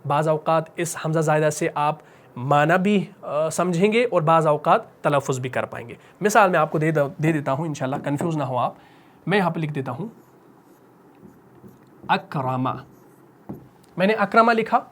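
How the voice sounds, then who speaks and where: A male teacher explaining a rule slowly and patiently. He keeps circling back with rhetorical questions and repeats each point. He sinks to a soft, drawn-out whisper to stress key terms. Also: fairly high pitch. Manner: repetitive, asks rhetorical questions; drops to a slow whisper on key words. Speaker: Quran recitation teacher. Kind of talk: classroom-style lesson.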